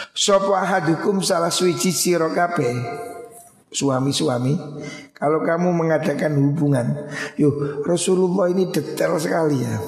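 Middle-aged East Javanese cleric, gravelly, folksy, joking; kitab study sermon in a reverberant hall. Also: male voice, a little high, darkish tone. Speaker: Islamic cleric teaching a hadith book. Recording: echoey hall recording.

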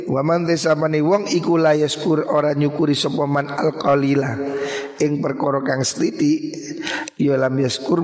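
A middle-aged man with a Javanese accent, preaching a lively storytelling sermon and acting out the voices of his characters. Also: a little high. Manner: animated, acts out voices in his stories, mixes in Javanese. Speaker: Islamic preacher. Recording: echoey hall.

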